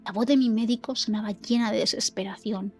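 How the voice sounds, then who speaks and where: A woman giving an earnest, dramatic first-person narration of a story, with a breathy voice. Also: fairly high pitch, steady tone, fairly quick, darkish tone, soft background music.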